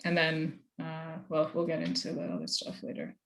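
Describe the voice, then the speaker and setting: A young American woman speaks as a guest on an interview podcast, her voice a little low for a woman. She talks conversationally and thoughtfully, often using like and you know as she works through her answers. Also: big pitch swings, moderate pace. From United States. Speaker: journalist guest. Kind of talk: casual interview.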